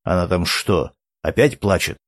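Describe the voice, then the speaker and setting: A man's voice: low voice, a little slow, no echo. A man reading an audiobook, voicing a blunt, practical male character who prods with dry questions. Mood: thoughtful. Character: blunt, practical red-haired violinist man.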